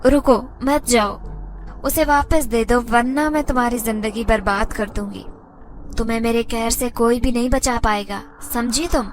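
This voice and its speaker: A woman voicing a jealous, vengeful female spirit who makes threats in a horror story, speaking her lines slowly and drawing them out. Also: fairly high pitch, fairly even intonation, faint music behind, natural voice. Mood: menacing.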